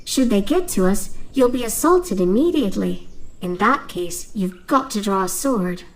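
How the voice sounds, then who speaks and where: A woman voicing a loyal talking dove who guides the player through a game tutorial in a clear, instructive tone. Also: medium pitch, lively intonation, moderate pace, natural voice, low-quality recording.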